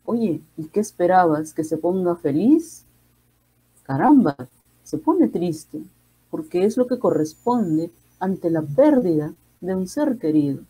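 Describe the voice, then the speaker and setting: A woman psychiatrist with a Peruvian accent giving a calm, reflective talk, speaking gently and slowly with pauses. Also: on the low side, husky, poor audio. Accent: Peruvian Spanish. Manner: gentle, slow, measured with pauses.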